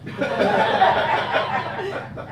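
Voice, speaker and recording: Speaking extremely slowly through heavy background noise, a man performs live stand-up in a werewolf persona. The echoey room is heard from a distance as he delivers crude punchlines, works the crowd and laughs at his own jokes.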